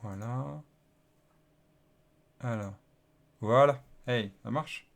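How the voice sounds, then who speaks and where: A man's voice: medium pitch, drawn-out words, creaky. A man talking through a casual coding screencast, thinking aloud as he types, with lots of fillers and repeated okays. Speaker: developer teaching coding. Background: keyboard typing and clicks.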